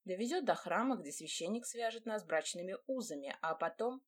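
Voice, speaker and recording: A woman's voice: mid-range voice, animated, a little fast, lightly acted. Woman playing young nobleman, arrogant, curt, scornful, impatient, audiobook.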